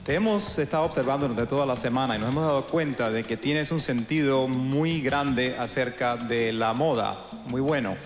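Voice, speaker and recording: A man interpreting live on stage, somewhat halting in his delivery. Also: medium pitch. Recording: echoey hall, music behind.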